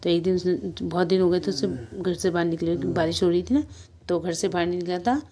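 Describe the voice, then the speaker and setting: Slow-reading teacher woman, slightly low voice. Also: fairly even intonation, a crowd in the background. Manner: slow, repeating, asks the class questions. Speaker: primary school teacher. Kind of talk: storybook lesson reading with explanations.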